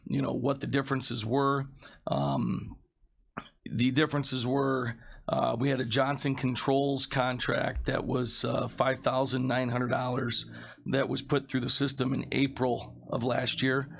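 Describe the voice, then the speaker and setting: Male facilities director, sick and gravelly, delivering a halting meeting report. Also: mid-range voice, little pitch movement, fairly bright tone. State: under the weather, feeling sick.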